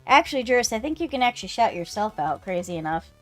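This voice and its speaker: A woman's voice: medium pitch, very animated, fast, a bit bright. A woman live streamer chatting casually with viewers and commenting on the game she plays. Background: game music.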